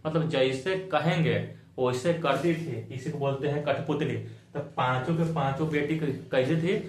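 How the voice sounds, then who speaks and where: A man teaches a chapter for board exams in loose, colloquial speech. He keeps asking his own questions and answering them, drilling the points. His mid-pitched voice rings in a roomy, echoey space. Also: slight background noise. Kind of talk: exam-focused chapter explanation. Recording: echoey room.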